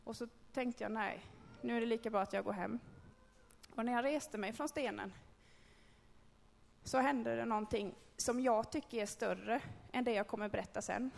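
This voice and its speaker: A woman's voice: on the high side, gravelly, big-room sound. A woman giving a candid, conversational personal testimony to a group, with frequent hesitations. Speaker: speaker telling a personal faith story.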